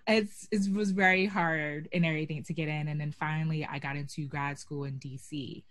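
A young woman from Boston, a guest in a video call interview, chats casually from a small room at home, filling her speech with lots of "um" and "like." Her voice is low, with fairly even intonation and a moderate pace, picked up by a webcam.

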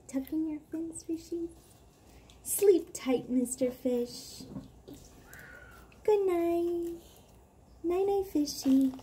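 Singing and reading stories for a toddler, a young mother speaks in a soft, stretched-out, high-pitched voice. The setting is a covered patio in the backyard. A camera roughly an arm's length away captures her along with clear outdoor background noise.

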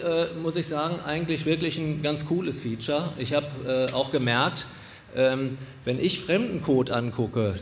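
A man's voice: a little high, a little hiss or hum. Middle-aged guy at a podium giving a tech talk, easygoing, lots of ums, big echoey hall. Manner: relaxed, explanatory, many fillers. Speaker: software developer giving a talk. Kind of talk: conference talk with live coding demo. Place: large lecture hall with audience. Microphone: podium mic.

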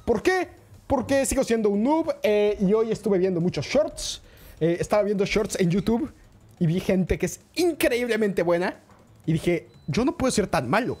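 A man giving chatty, excitable live commentary while he plays a game and keeps greeting his chat. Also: high voice, unhurried. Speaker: gaming streamer. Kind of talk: live-streamed gameplay commentary.

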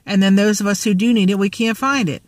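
A fast-talking woman with a medium pitch and fairly even intonation vlogs from a parked car, her phone at arm's length. The chat rambles and jokes with many fillers, and the recording is dry.

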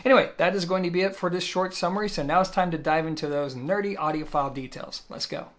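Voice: medium pitch, fast. A channel host narrating a scripted review of audio equipment in an upbeat, casual way, with jokey asides to the viewer.

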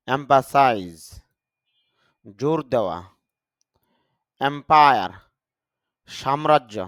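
A man teaching English vocabulary in Bengali, reading each word and its meaning in a deliberate, explaining manner, with a Bangladeshi Bengali accent. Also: medium pitch, dry recording, studio quality. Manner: deliberate, spells out pronunciation. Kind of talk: slow vocabulary lesson, word then meaning.

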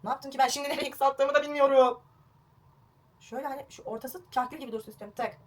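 A woman's voice: high voice, fairly even intonation, quick pace. A young woman vlogging a home haircut, chatty and self-mocking, recorded on a phone at home. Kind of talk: casual home haircut vlog. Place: at home indoors.

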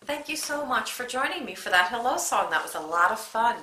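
A young woman leads a children's story time with a bright, clear voice, pitching her words in a lively sing-song. She speaks slowly and encouragingly, as if to small children. The room around her has a noticeable echo. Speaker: children's librarian. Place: library room. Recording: echoey room.

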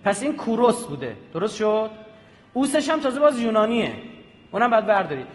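A man giving an animated public lecture, often checking with his audience through quick rhetorical questions. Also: high-pitched. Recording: echoey hall with long reverb.

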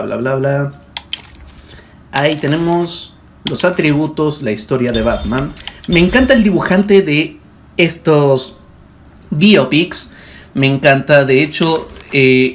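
A man's voice: on the high side, slight background noise. A man giving casual let's play commentary, informal and often talking to himself or reading aloud. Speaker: gaming video host. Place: indoor voice-over on game footage.

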